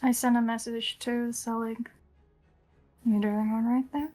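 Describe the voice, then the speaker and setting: A woman's voice: a little high, little pitch movement, measured pace, mellow, faint music behind. A woman talking casually as a player at a tabletop game.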